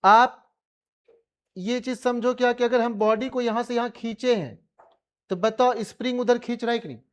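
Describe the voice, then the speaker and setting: A male Indian physics teacher with a very high voice talks briskly in a classroom revision lecture. His style is colloquial and coaxing, pressing students with repeated questions.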